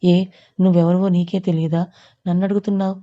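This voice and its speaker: A woman's voice: on the low side, level tone, quick pace, mellow, dull audio, lightly acted. A woman voicing an outspoken, teasing young woman who fiercely defends her friend. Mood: sassy. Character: bold, loyal young woman, protective friend.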